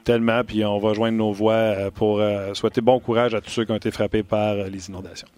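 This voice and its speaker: A man with a Québécois accent hosting a sports show, lively and joking in casual chat. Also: lowish voice, fairly quick, no room sound.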